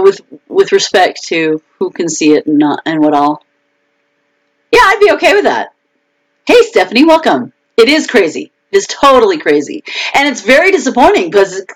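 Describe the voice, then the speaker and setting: A woman's voice: mid-range voice, low-quality recording. A woman author chatting casually on her own live video stream, talking through frustrations with fillers and restarts.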